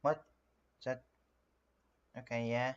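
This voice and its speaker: A man's voice: medium pitch, steady tone, slow pace, clear, resonant tone, dull audio. A man from France, a native French speaker, chatting casually on a livestream as he works on a drawing, rambling with lots of fillers and narrating what he does. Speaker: streamer. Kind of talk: casual live-stream chat while drawing.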